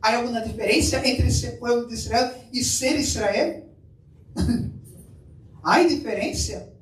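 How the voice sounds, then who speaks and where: A Brazilian preacher delivers a sermon in a very high voice at a measured pace, blending Portuguese with Spanish and posing questions to the congregation. He is far from the microphone, and the room echoes with a little faint noise.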